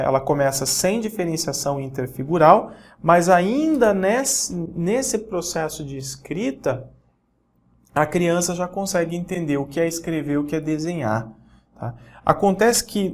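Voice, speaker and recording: A man's voice: on the high side, slight background noise. A man giving a recorded online lesson, pointing at examples and often checking in with listeners. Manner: explanatory, points at examples on screen; frequent checking tags and self-corrections. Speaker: teacher.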